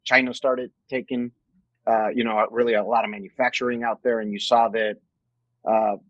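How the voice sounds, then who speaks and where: A man around forty from Mexico, a guest in an interview, answering in a measured way and restarting phrases as he thinks. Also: medium pitch, no room sound, rough recording. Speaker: guest, company executive. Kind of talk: casual interview.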